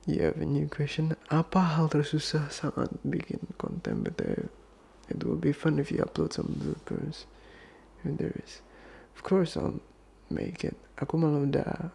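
A young male podcast host chats casually, answering fan questions in a laid-back way. His voice is slightly high, creaky and dark with a breathy edge, and he switches between Indonesian and English with an Indonesian-tinged, British-leaning accent, sometimes dropping to a near-whisper.

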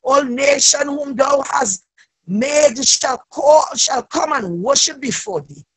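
Slowly and in a high voice, a woman leads an impassioned, unscripted church prayer. Repeated invocations carry her raspy pleas until they swell into loud cries.

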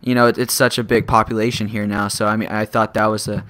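A man's voice: on the low side, flat delivery, fast talker, fairly bright tone. A teenage boy from Texas, chatting casually and rambling brashly while playing a game. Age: teens. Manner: rambling, brash and joking, swears a lot. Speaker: gaming channel host. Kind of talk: casual gaming chat.

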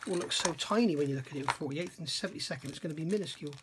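Very fast speech in a voice on the high side comes through with background noise. The speaker, a middle-aged man at an indoor workbench, reviews a scale model kit in a casual hands-on way, thinking aloud, musing, admiring and often asking himself questions.

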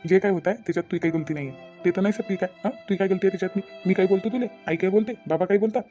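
Give me an actor voicing a reassuring cartoon father with a Vidarbha accent, warm and very fast. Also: medium pitch, faint music behind, close to an everyday voice. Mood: soothing. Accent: Vidarbha Marathi. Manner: reassuring, repetitive. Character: kindly father figure, soothing and protective. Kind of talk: cartoon voice acting.

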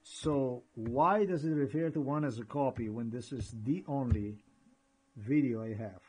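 A man excitedly narrating a screen recording, describing each click in a rambling way. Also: mid-range voice, a little slow, husky, rough recording. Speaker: vlogger.

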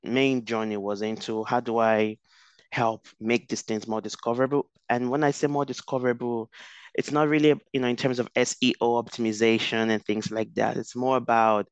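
Flat in delivery and medium in pitch, the young Nigerian guest researcher talks at a moderate pace in a smooth voice with no room sound. Interviewed over a video call through a headset, he speaks thoughtfully, full of fillers and restarts.

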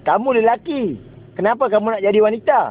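A man's voice: high voice, quick pace. A man with a northern Malaysian Kedah accent, scolding and taunting in a preachy mock-sermon style of street talk. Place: inside a vehicle. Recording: tinny phone-like sound, vehicle noise.

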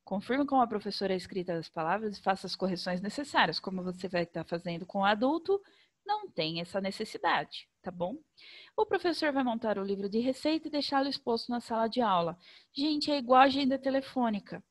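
Brazilian woman primary teacher, lively sing-song delivery, slightly high voice, slow careful wording for kids. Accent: Brazilian Portuguese. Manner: sing-song, slow and over-articulated for children. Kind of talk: remote lesson for young children.

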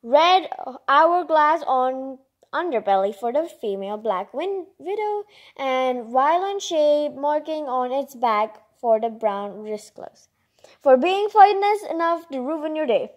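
Unhurried and animated, a high-pitched woman narrates a children's picture book aloud. Her reading is informal and expressive, broken up by exclamations and chatty asides.

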